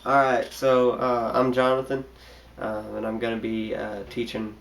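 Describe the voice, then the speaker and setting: This casual guitar tutorial comes from a young teacher whose cold leaves his voice slightly scratchy; he explains a guitar part hesitantly, with lots of ums and restarts. His medium-pitched voice is monotone and creaky, and he goes a little slowly. Guitar is heard throughout.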